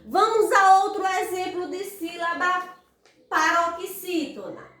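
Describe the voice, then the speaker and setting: Slow, high-voiced Brazilian teacher woman. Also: fairly even intonation, fairly bright tone. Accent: Brazilian Portuguese. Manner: slow, stretches stressed syllables in sing-song calls. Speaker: primary school teacher. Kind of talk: classroom grammar lesson. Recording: echoey room, voice far from the mic.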